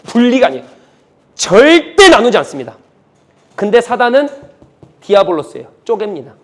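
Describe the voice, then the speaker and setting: High, lively-voiced preaching man. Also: normal speed. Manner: emphatic, repetitive, swings between loud and hushed. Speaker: pastor. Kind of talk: sermon.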